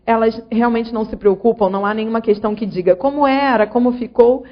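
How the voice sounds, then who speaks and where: This woman talks fast in a steady, somewhat high voice while teaching grammar online, laying out rules and addressing her student with regular check-ins. The audio is dull.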